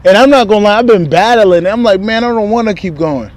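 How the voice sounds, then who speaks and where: A man speaks in a high-pitched voice in a casual spiritual vlog. He rambles candidly in loose, profane street slang. He is recorded outdoors near passing traffic. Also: lively intonation, fast. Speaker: spiritual vlogger.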